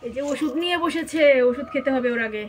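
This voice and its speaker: A woman vlogger talks in a chatty, everyday way while she walks through her small tin-roofed house. Her voice sits a little high, and she speaks straight to her viewers. Each step of tidying gets a plain, easygoing comment. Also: animated, fast talker. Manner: chatty, shows the viewer around her home; drops to a hushed voice while the children sleep. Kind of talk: casual home vlog narration.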